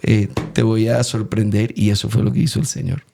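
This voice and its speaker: Young colombian guy, lowish husky voice, acts out the voices in his faith story. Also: brisk. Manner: animated storyteller acting out quoted voices. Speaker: interview guest. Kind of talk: emotional faith testimony.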